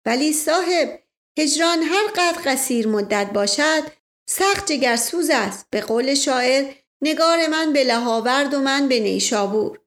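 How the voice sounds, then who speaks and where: Brief: woman playing an overly courteous Indian officer, raised pitch, ornate speech, storybook. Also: animated. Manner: formal, bookish phrasing with 'sahib'.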